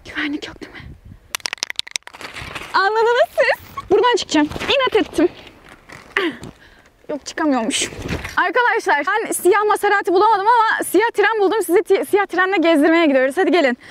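A young woman vlogging outdoors at an abandoned site, excitable, jokey and easily scared. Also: very high voice, moderate pace, long pauses, slight background noise. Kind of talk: casual vlog chat.

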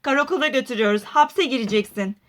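A woman's voice: high-pitched, fast, a bit bright, pitched below the performer's own voice. Stern policeman, put on by a woman. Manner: firm, scolding. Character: stern adult male police officer. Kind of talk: toy-doll roleplay voicing.

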